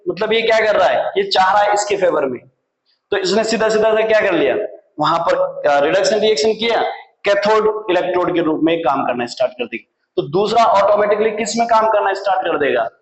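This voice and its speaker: A man's voice: high voice, a little fast. A man teaching chemistry in a classroom lecture, putting questions to the class, answering them himself and repeating the key terms. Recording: echoey classroom.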